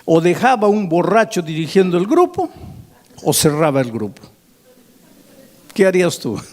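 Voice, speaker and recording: A male pastor preaching through an animated story, his voice climbing high on emphasis. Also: normal speed. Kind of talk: sermon storytelling.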